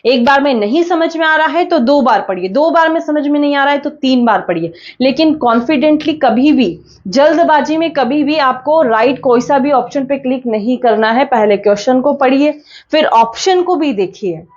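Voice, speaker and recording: High-voiced woman teaching a class. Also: lively intonation, dull audio. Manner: explains slowly, repeats points, asks and answers her own questions. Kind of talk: online exam-prep class.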